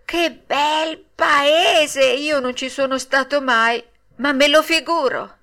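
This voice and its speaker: A woman voicing Pinocchio, a naive wooden puppet boy, with dreamy drawn-out exclamations in an audiobook. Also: sits high, steady tone, sharp tone, voice pushed up, heavily acted. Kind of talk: audiobook character voice.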